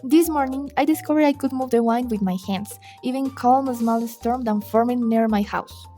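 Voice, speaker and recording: Casting: a woman playing a sweet nine-year-old girl for a storybook, high and mellow, faint music behind. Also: moderate pace, natural voice. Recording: soft music underneath.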